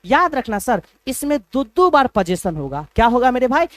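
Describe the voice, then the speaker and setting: A man's voice: very high voice, very animated, moderate pace, fairly bright tone, dry recording. A man teaching English in a live online class, playful and teasing, spelling words out letter by letter.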